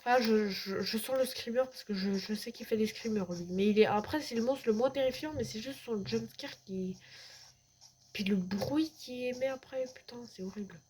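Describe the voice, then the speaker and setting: A woman's voice: on the high side, normal speed, darkish tone. A woman giving let's play commentary, jumpy, swearing a lot and sometimes dropping into a whisper. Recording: noisy with clicks.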